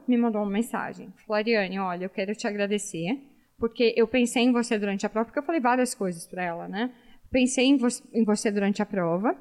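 A woman, a former professional athlete, telling a story in casual chat and acting out what people said. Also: high-pitched. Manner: animated storytelling, acts out quotes. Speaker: former professional triathlete guest.

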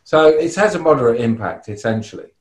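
A man's voice: mid-range voice, animated, a little fast, roomy sound. A man on a panel explaining his research in a conversational way over a video call.

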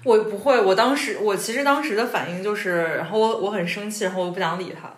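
A woman podcast host in casual chat, telling stories in an animated way. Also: medium pitch, fast talker, roomy sound. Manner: animated storytelling with laughs.

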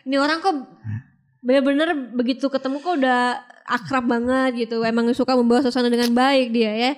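A woman hosting a podcast interview, teasing her guest with quick, playful questions. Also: sits high, fairly even intonation. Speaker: podcast host. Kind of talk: casual interview chat.

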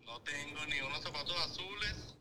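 A man's voice: fairly high pitch, moderate pace, bright, forceful tone, slight background noise. A man heard through a phone on speakerphone, answering in a hesitant, stumbling way as the guest's husband called live. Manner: hesitant, stumbling over his words. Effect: heard over a phone on speakerphone. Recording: roomy speakerphone sound from a distance.

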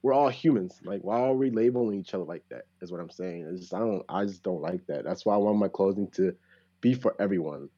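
A man's voice: low voice, quick pace, warm tone, slightly rough. A young man speaking as a guest in a laid-back, slangy way, full of likes. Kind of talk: casual chat. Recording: dull lo-fi recording.

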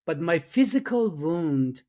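A middle-aged man with an Iranian accent, a Persian speaker, answers questions as a guest in a casual interview, with a halting, earnest, soft-spoken delivery full of fillers and restarts. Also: on the high side, very animated. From Iran. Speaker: guest, addiction and trauma coach.

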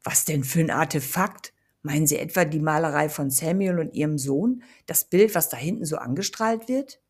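A woman voicing a brash, excitable young man who talks loudly in slang. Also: deep voice, moderate pace, slightly rough. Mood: baffled.

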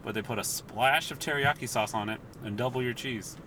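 A man's voice: mid-range voice, fairly quick, bright, forceful tone. Wry man in noisy setting. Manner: playful, wry asides. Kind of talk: casual chat about food.

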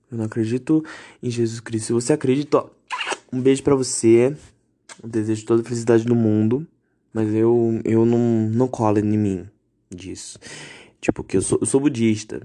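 Husky young man ranting sarcastically. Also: mid-range voice, dark tone. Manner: indignant, sarcastic, swearing freely. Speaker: podcast host. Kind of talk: ranting podcast monologue.

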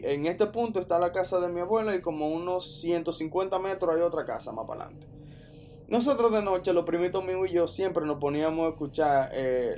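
A man from the Dominican Republic with a Dominican accent, casually telling a personal story in an animated, slangy way, often restarting his sentences. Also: on the high side, a little hiss or hum. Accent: Dominican Spanish. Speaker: podcast storyteller.

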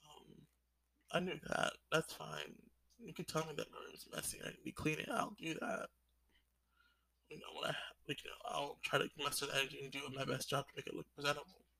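A man's voice: a little high, steady tone, a little fast, creaky, pushed and bright. A twenty-year-old man talking in a confessional vlog, rambling with lots of "like" fillers and sighs. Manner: rambling, full of "like" fillers, sighing. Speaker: vlogger.

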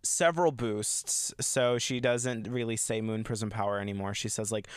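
A man's voice: fairly low pitch, steady tone, normal speed, clear, resonant tone, dry recording, clean studio sound. A man co-hosting a podcast, recapping a show in a rambling casual chat full of fillers and laughs. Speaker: podcast co-host.

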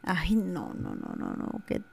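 A woman's voice: lowish voice, wildly swooping pitch, takes it slowly, creaky, husky. A woman with a Mexican Spanish accent, a mother co-hosting a casual podcast conversation, speaking candidly and earnestly with frequent fillers.

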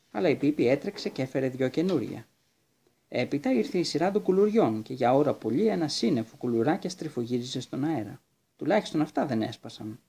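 A man narrating a children's book aloud with lively, expressive storytelling. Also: mid-range voice, creaky, husky. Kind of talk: audiobook reading of a children's book.

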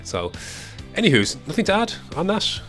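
A man's voice: high-pitched, moderate pace, soft background music. A young man co-hosting a motorsport podcast in casual, opinionated chat. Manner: animated, opinionated, swings between excited and dry asides. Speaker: podcast co-host.

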